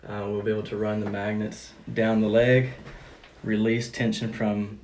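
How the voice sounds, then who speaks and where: A man working as a therapist, casually explaining a treatment with halting, hesitant phrasing. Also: on the low side, little pitch movement, a little mellow. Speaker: cupping therapist. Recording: roomy, distant mic, noisy background.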